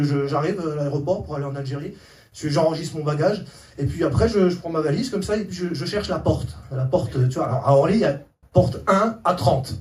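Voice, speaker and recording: A man's voice: sits high, slight background noise. A man doing stand-up comedy, telling a story chattily and acting out the people in it. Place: comedy club stage. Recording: far-off mic, roomy hall with loud crowd. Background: audience laughter.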